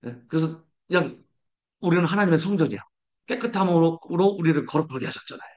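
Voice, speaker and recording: Preaching at a fairly quick clip, this pastor's voice sits on the high side and is expressive. Declarative in manner, he asks rhetorical questions he answers himself and guides the congregation through call-and-response declarations.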